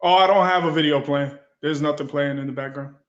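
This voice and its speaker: A man calling in to a livestream on his phone, his voice echoing back over the line as he speaks in a halting, subdued way. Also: fairly high pitch, steady tone, fairly bright tone. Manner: halting, subdued, repeats himself. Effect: his voice echoes back over the call. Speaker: caller on a livestream. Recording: echoey, muffled phone call audio.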